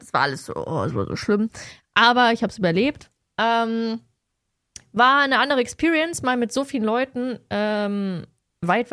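A woman's voice: high voice, no room sound. Chatty young woman, dry close sound. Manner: lively storytelling, acts out quoted people. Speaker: podcast co-host. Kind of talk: casual chat.

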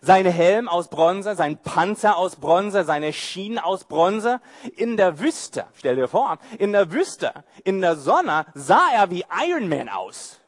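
Lively, slow-paced male preacher. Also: sits high. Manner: animated, mocking asides and rhetorical questions. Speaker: pastor. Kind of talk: sermon.

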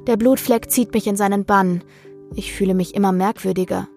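A woman's voice: mid-range voice, fairly even intonation, fairly quick, a little mellow, soft background music. Woman narrating a brooding horror story. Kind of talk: scripted first-person horror narration.

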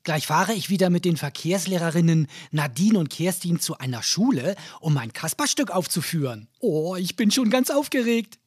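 A performer voicing Kasper, an excitable, curious puppet jester in a children's audio play. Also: mid-range voice, normal speed, hardly any pauses, slightly rough, dry recording, clean studio sound. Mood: eager. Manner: curious, asks many questions. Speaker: puppet character.

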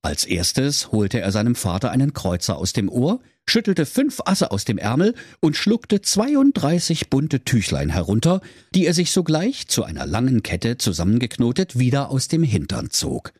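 A man tells a comic fairy tale with a playful storyteller's tone. His pitch rides up and down a lot. The recording is dry and close. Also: huge pitch swings, normal speed, few pauses, a little mellow, slightly rough, no room sound. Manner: storyteller tone, playful, addresses children. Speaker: narrator.

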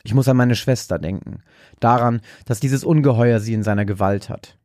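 A man narrating a dark horror story in a slow, measured way. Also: medium pitch, no room sound. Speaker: podcast host and story narrator.

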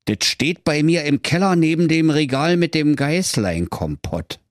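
A man's voice: on the high side, expressive, measured pace, no echo, studio quality, pitched above the performer's own voice. A man voicing a cocky, bossy teenage male wolf with a thick Berlin dialect and brash slang.

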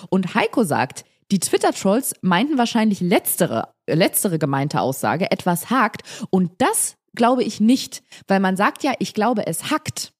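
A woman co-hosting a casual podcast, animated and chatty as she reads out listener mail. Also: medium pitch, measured pace, hardly any pauses, slightly rough. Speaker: podcast co-host. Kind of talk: casual chat.

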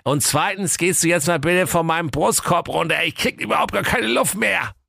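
A man's voice: high-pitched, normal speed, creaky, sharp tone, dry recording, clean studio sound, pitched above the performer's own voice, exaggerated voice. A man voicing a sly, bossy big bad wolf, snappy and impatient, in a comic storybook reading. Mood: bossy scheming.

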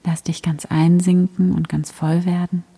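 A woman guiding a prayer meditation in a soft, breathy whisper, gentle and soothing. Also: fairly low pitch, level tone, unhurried.

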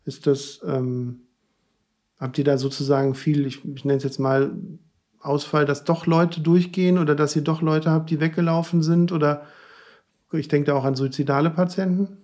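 A man's voice: fairly high pitch, level tone, normal speed, a little mellow. A man hosting a podcast, asking long, rambling interview questions in a chatty way. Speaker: podcast host. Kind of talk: conversational interview.

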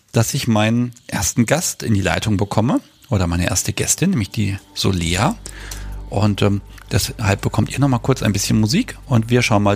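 A man's voice: fairly low pitch, gravelly, slightly rough. A man hosting a casual live podcast in a chatty, informal way, with a lisp that makes his s slushy, like sh. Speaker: podcast host.

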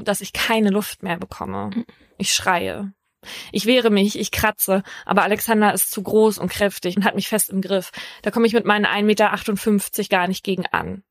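A woman hosting a true crime podcast, telling a case in a measured, scripted first-person narration. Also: medium pitch, no room sound, clean studio sound.

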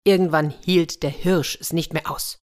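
A woman tells a children's story with dramatic, expressive narration. Her voice sits low for a woman. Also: a little slow. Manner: dramatic, sound-painting delivery.

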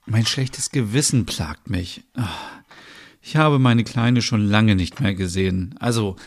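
A man's voice: on the low side, measured pace. A man voicing a chatty, self-absorbed mother in a comedy audio sketch, who talks to herself dramatically and giggles.

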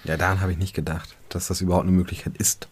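A man co-hosting a podcast, telling a personal story in a relaxed, amused way. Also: sits low, fast talker, breathy edge. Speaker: podcast co-host. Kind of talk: casual chat.

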